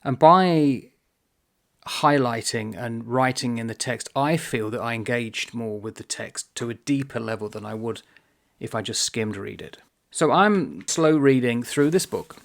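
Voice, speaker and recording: A middle-aged man talking about books in a thoughtful, unhurried way, pausing often as he muses aloud. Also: mid-range voice, gravelly. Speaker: book vlogger. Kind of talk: reflective book vlog talk.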